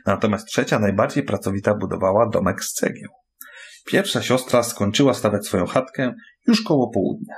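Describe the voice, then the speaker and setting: A man reading a fairy tale aloud, expressive and adding sound effects. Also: lowish voice, a little fast, vocal fry. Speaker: storyteller.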